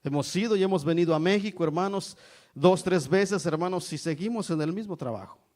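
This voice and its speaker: A high-pitched middle-aged man from Mexico delivering an evangelical sermon. He preaches emphatically and peppers nearly every phrase with a call to his brothers and sisters. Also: a little fast, a little mellow. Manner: repeats "hermanos" constantly, emphatic preaching.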